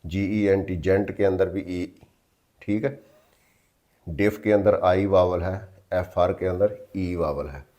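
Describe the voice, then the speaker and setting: This grammar teacher speaks slowly in a low, dark voice with fairly even intonation. Explaining English in a Hindi-Urdu and English mix, he is patient and repetitive, spelling words letter by letter and regularly checking on listeners.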